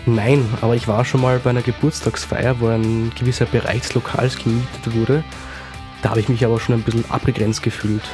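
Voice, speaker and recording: A man co-hosting a radio city magazine, speaking in an even, measured way. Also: mid-range voice, music in the background. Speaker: radio magazine co-host and reporter. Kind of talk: radio hosting, partly scripted.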